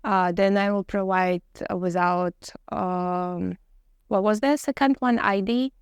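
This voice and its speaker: Nervous, formal woman interviewee with creaky voice. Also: mid-range voice, steady tone, unhurried, no echo, clean studio sound. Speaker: job interview candidate. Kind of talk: mock technical job interview answers.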